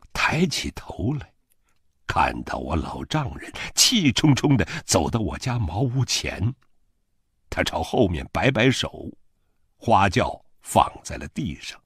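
Male audiobook narrator, low, husky, dry close studio sound. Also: no room sound. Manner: slow, expressive, wide-ranging storytelling. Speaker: audiobook reader. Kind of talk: first-person novel narration.

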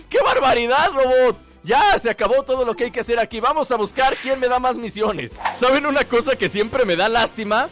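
A man's voice: very high voice, a little fast, few pauses, fairly bright tone, soft background music. A man giving playful, teasing gameplay commentary, swearing casually. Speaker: gaming channel host.

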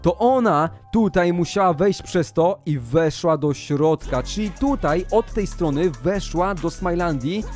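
Brief: animated male game narrator, big pitch swings, excitable. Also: a little slow, few pauses, soft background music. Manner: energetic, exclamatory, talks straight to viewers. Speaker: Minecraft role-play creator and narrator. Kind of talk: excited gameplay commentary to viewers.

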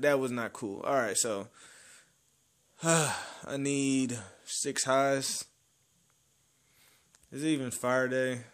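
Young man, bright tone, excitable gameplay commentary, loud outbursts and grumbling. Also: mid-range voice. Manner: excitable, swings from shouting to grumbling. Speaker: gaming channel host.

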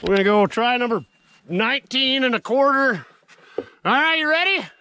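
A man's voice: extremely high pitch, animated, moderate pace, clear, resonant tone. A man giving playful, joking commentary while fixing an old truck on a snowy farm yard, filmed on an action camera. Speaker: mechanic vlogger. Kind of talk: casual narration while working. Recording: loud engine and wind noise.

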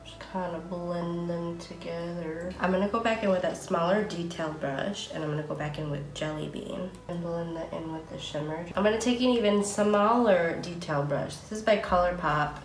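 A woman's voice: fairly low pitch, fairly even intonation, normal speed, few pauses, a little hiss or hum. A woman in her late twenties chatting casually through a makeup tutorial, narrating each step in a friendly way. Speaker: makeup vlogger. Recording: echoey room, faint music behind.

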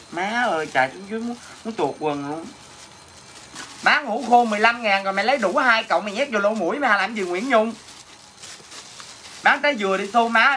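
A woman's voice: on the high side, pushed and bright, a little hiss or hum. Brash Southern Vietnamese woman livestreaming. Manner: brash, teasing, crude joking with viewers. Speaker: livestream host selling goods. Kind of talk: casual livestream sales chat.

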